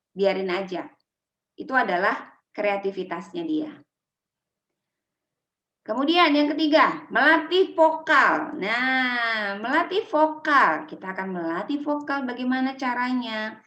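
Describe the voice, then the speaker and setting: A woman teaching public speaking for children to parents in a lively workshop talk, demonstrating intonation as she explains. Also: fairly high pitch, reverberant, highs cut off.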